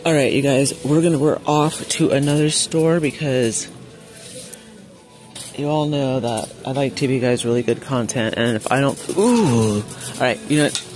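A woman filming a shop-with-me vlog in a large store on a handheld phone, chatting excitably and reading prices aloud. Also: very deep voice, moderate pace, soft background music. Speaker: vlogger. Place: large indoor retail store. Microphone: handheld phone camera.

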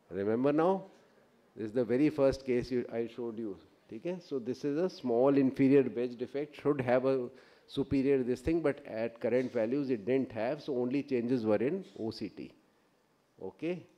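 A man's voice: medium pitch, dark tone. A middle-aged man with a North Indian accent lecturing informally on stage into a microphone, prodding the audience with questions. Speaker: ophthalmology lecturer. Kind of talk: interactive lecture mixing Hindi and English. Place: large auditorium, on stage. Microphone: podium or table gooseneck microphone.

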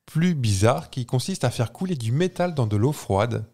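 A man with an average-pitched voice reads out trivia to a friend and asks whether it is true. He talks in a playful, teasing way and chuckles easily in this casual chat. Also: animated, normal speed, darkish tone. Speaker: podcast co-host.

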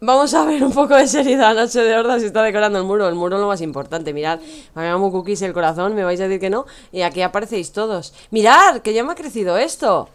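Young Spanish woman streamer, teasing, chatty, mid-pitched voice. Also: fast, clean tone. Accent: Spain Spanish. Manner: chatty, teasing, addresses chat, laughs often. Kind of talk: casual gameplay commentary.

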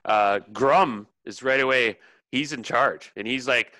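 A man's voice: medium pitch, unhurried, sharp tone, no echo. A man narrating a tabletop role-playing game as game master, in a loose chatty way.

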